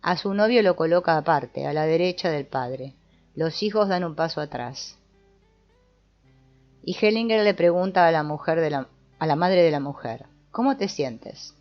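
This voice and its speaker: A woman giving a calm, measured scripted narration. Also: low-pitched. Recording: dull lo-fi voice-over with soft guitar music.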